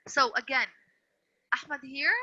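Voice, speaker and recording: This woman's voice sits high, pushed and bright, with fairly even intonation and a slow pace. She's teaching an online grammar lesson, patiently but firmly repeating and correcting her students, heard through dull, lo-fi video call audio.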